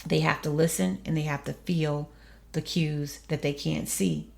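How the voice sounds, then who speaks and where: A woman hosting a faith podcast, speaking in an earnest, measured, preacherly way. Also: deep voice, fairly even intonation, vocal fry, darkish tone. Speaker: podcast host. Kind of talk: reflective faith podcast monologue.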